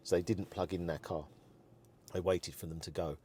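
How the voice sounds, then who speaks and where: A man's voice: sits low, fairly even intonation, moderate pace, warm tone, breathy edge. A man vlogging his frank opinions in a chatty, rambling way, with many ums. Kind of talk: casual opinion chat to camera.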